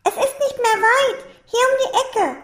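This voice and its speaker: Woman voicing an excited young boy, high-pitched, calling out, roomy sound. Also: a little slow. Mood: eager. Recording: roomy echo.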